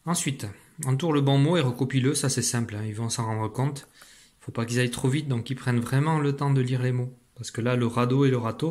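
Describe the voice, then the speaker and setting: A middle-aged male teacher talks parents through their child's homework, calm and methodical. He sounds out letters and syllables slowly, repeating words so they can follow along. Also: medium pitch. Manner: patient, step-by-step, spelling out sounds slowly. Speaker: primary school teacher. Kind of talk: explaining homework exercises to parents.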